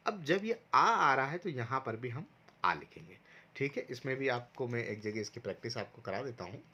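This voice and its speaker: A man's voice: mid-range voice, very animated, moderate pace, pushed and bright, breathy edge. A man teaching a recorded online lesson to first graders, patiently going step by step and sounding out syllables for pupils to repeat. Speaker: primary school teacher.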